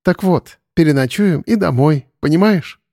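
A man voicing a hurt but resolute young woman in a storybook, speaking earnestly and a little higher. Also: moderate pace, dark tone, no room sound, clean studio sound.

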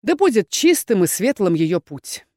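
A woman reading a calm, authoritative male rector who speaks in a measured, dryly dismissive way. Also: mid-range voice, dry recording, studio quality.

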